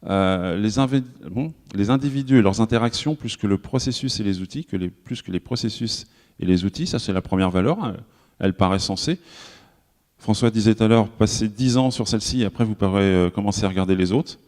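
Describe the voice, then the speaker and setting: A man's voice: on the low side, fairly quick, darkish tone. A man with a French accent giving a live conference talk. He speaks conversationally, with many fillers and restarts, and often turns to address the audience directly. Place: conference hall. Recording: long hall reverb.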